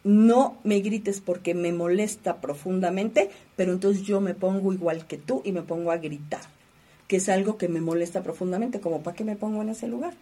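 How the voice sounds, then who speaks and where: A woman leads a reflective talk about emotions, setting out ideas as a teacher would and asking guiding questions. Her voice is mellow and dark and carries a husky edge. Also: mid-range voice, moderate pace.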